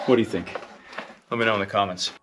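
A man vlogging outdoors while exploring cave dwellings, excitable and thinking aloud, with casual swearing. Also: lowish voice, fast, noisy background. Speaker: travel vlogger. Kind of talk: on-location vlog talk. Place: outdoors in rock caves.

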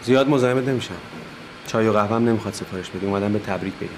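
An actor playing a smooth-talking, scheming older brother who gives calm, patronizing advice. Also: male voice, fairly low pitch, noisy background, lightly acted. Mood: condescending.

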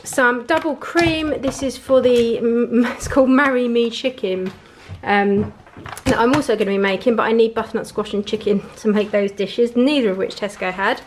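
A woman with a fairly high, chatty voice goes through her shopping item by item, dropping in prices and fillers as she goes. She is recorded on a handheld phone camera at a kitchen table indoors. A faint hiss of noise sits under the speech. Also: steady tone, normal speed. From England. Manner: chatty, lists items and prices with many ums and likes. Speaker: family vlogger. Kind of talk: casual grocery haul chat.

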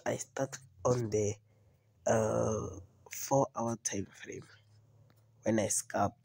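A trading video host with a cold walks viewers through a phone screen recording in a casual tutorial. His mid-range voice is gravelly and husky with a dark, mellow tone, and he repeats phrases a lot, checking "you understand?"

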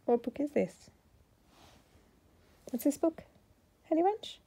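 A woman with a husky voice, prompting and encouraging a small child through reading in a casual way. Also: high-pitched, big pitch swings, takes it slowly, dark tone. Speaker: adult helping a young child learn to read. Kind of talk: casual coaching of a beginner reader. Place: indoors at home, cluttered room.

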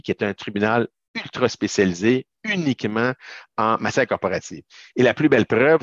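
A man's voice: lowish voice, fairly bright tone, no room sound, lo-fi sound. A man from Quebec with a Québécois accent, giving an emphatic, chatty webinar presentation to business owners over a video call. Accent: Québécois French. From Quebec, Canada. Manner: emphatic, chatty with informal asides. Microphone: video call webcam.

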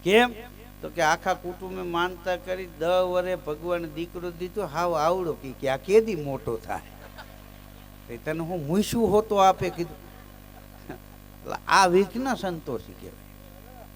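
A man telling folk stories live on stage. He chants verses loudly, then drops into easy chat and lands his punchlines. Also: high voice, unhurried, long pauses, a little hiss or hum. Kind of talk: live folk storytelling with recited verse and jokes.

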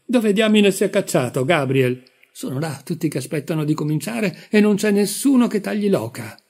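A man's voice: a little high, animated, moderate pace, mellow, slightly rough. A man reading aloud, voicing an anxious elderly aunt hosting a dinner, his voice raised and flustered. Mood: frantic. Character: fussy elderly Irish aunt, anxious hostess.

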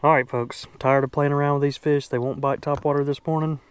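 Out on a small boat on a lake, a man hosts a folksy fishing vlog, chatting casually to camera and calling viewers "folks." His clear, resonant voice sits on the high side, level and a little fast, with no room sound. An action camera worn on or near his body picks up outdoor noise.

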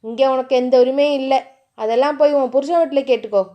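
A woman voicing a harsh older brother who talks fast and scolds bluntly. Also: high voice, fairly even intonation, highs cut off, close to an everyday voice. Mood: scornful. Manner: brusque, rapid and scolding.

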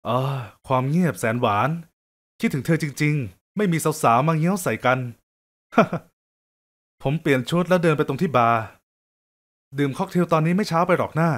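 A man telling a scripted first-person story in a lively, joking, conversational way. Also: fairly high pitch.

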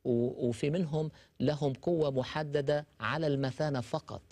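A man's voice: fairly high pitch, steady tone, normal speed, a little mellow, no room sound. A man, a doctor explaining treatments as a guest in a TV studio, mixing in English medical terms. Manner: explanatory, gestures while talking, mixes in English terms. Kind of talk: medical talk show discussion.

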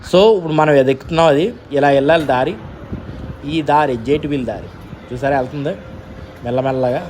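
A man's voice: mid-range voice, fairly even intonation, fast, a little mellow. A young man with a Telugu accent, chatting directly to viewers as he vlogs an outdoor amusement park on an action camera. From India. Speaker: travel vlogger. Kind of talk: casual vlog narration. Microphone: handheld action camera. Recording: noisy outdoor park ambience.

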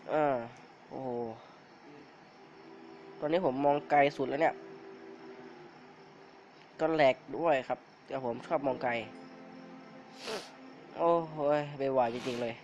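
Man with a cold, excitable gamer. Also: medium pitch, slow, pauses often, slight background noise. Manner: excitable, frequent startled exclamations. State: has a cold, stuffy and short of breath. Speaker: gamer and video host. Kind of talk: casual game commentary. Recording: dull lo-fi recording with clear background music.

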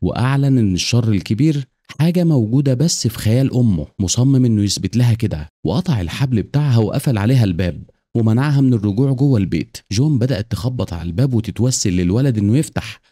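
Fast Egyptian man narrating, dry close sound. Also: mid-range voice, animated, warm tone, slightly rough, no room sound. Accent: Egyptian Arabic. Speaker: film recap narrator. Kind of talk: scripted narration.

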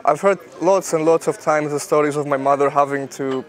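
A man's voice: fairly high pitch, fairly even intonation, a little fast. A man in his twenties, a medical student, giving thoughtful interview answers outdoors at a café on a lapel mic. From Cyprus. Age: 20s.

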